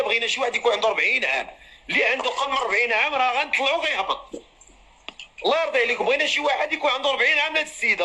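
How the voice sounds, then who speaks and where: A man with a Moroccan Arabic accent runs a live matchmaking stream and calls out to viewers and callers as he goes. His voice sits high and sounds sharp and bright. He talks at a very fast clip. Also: slight background noise, poor audio.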